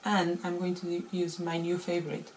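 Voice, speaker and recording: A woman's voice: fairly low pitch, monotone, moderate pace, darkish tone, slight background noise, poor audio. Woman vlogger with a rusty morning voice. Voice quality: slightly rusty, unused morning voice. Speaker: beauty vlogger. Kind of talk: casual chatty makeup tutorial.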